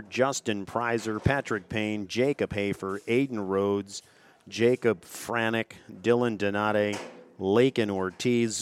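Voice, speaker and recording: A man with a lowish voice calls a local high school football broadcast. He reads out names and stats in an even, steady way. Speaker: play-by-play announcer. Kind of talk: local sports broadcast commentary.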